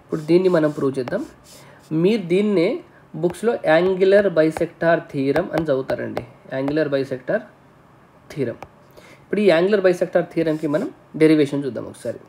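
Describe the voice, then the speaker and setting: Fast-talking male exam-prep teacher. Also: on the high side, dark tone, slight background noise. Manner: explains step by step, often checking in with the viewer; mixes English technical terms into his speech. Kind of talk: exam-prep lesson at a whiteboard.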